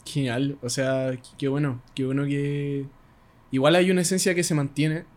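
Chilean podcast host, halting questions. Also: male voice, on the high side, little pitch movement, a little mellow. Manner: hesitant questions with brief backchannels. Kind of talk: casual interview.

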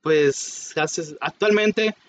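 A man's voice: a little high, extremely slow, slight background noise. A young man with a Mexican Spanish accent, chatting casually and cracking wry, slangy jokes. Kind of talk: casual chat.

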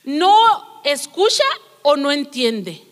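Brief: calm doctor, a woman reading him plainly, high and bright, echoing hall. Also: slow, heavily acted. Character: patient male doctor, calm and explanatory.

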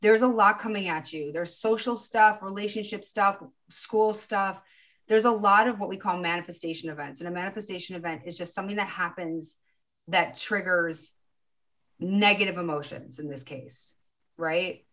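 A woman's voice: on the low side, normal speed, a bit bright. Woman in her 40s hosting a podcast, upbeat and encouraging, chatty spiritual talk. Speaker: podcast host. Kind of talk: casual spiritual coaching talk.

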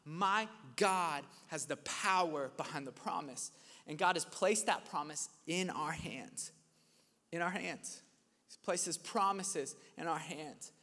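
A young man preaching a sermon to a church audience in a casual, conversational way, telling stories with animated energy. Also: a little high, measured pace. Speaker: pastor. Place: church hall with live audience. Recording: reverberant hall.

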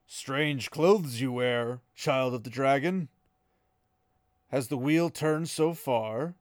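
Man reading as ancient Green Man: booming, slow, solemn; dry recording. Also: no room sound, natural voice. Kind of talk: reading a novel aloud.

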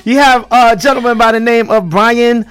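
A high-voiced man with a Brooklyn accent hosts a live talk show. He speaks casually and hypes things up, circling back to repeat his phrases for emphasis. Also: steady tone, normal speed, fairly bright tone. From Brooklyn, New York. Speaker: radio show host.

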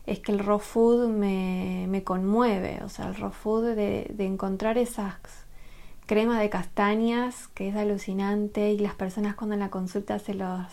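A woman's voice: medium pitch, mellow. A woman, answering as a nutrition expert guest, conversational and enthusiastic, repeating phrases as she thinks.

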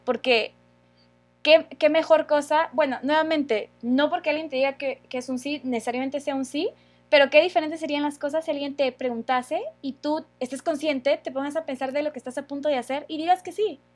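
A young woman telling a personal story in casual chat, conversational with frequent fillers. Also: sits high.

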